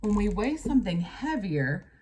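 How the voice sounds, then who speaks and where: Her medium-pitched voice is warm and very animated, moving at a normal speed. The American teacher reads a lesson aloud to her pupils, pausing for simple explanations aimed right at the children.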